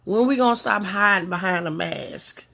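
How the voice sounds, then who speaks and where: In a bright, pushed voice of medium pitch with lively intonation and vocal fry, a woman hosts her own talk. It's a reflective motivational monologue, unhurried and dotted with pauses, built on a chain of rhetorical questions to the listener.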